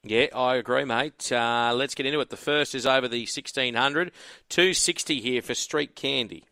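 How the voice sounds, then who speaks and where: A man's voice: mid-range voice, normal speed, bright, forceful tone, no room sound. An Australian man hosting a live racing radio show, interviewing guests casually on a studio microphone.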